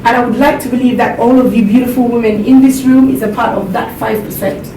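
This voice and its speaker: Here a motivational speaker from Jamaica talks at a quick pace, earnest and sharing laughs with her seminar audience. Her fairly high voice is distant from the mic, the hall echoes, and a constant rumble hums beneath.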